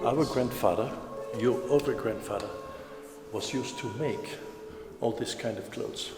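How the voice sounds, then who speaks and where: Guy explaining stuff outside, slow and searching for words, music clearly playing under him. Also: medium pitch. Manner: thoughtful, halting explanations with fillers. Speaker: family member on the trip. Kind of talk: casual explanation on camera.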